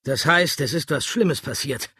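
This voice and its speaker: A man's voice: on the high side, unhurried, pushed and bright, breathy edge, no echo, studio quality, voice pushed up, heavily acted. A man voicing an alarmed adult male circus cook in an audiobook, speaking with urgent raised alarm.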